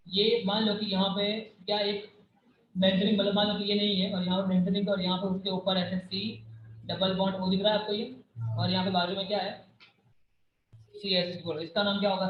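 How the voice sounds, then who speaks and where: A man's voice: high voice, level tone, a little fast, a little hiss or hum. A man teaching a chemistry class, quizzing his students and repeating answers, sometimes scolding them. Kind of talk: classroom lecture. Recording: far, echoey, phone-like room recording.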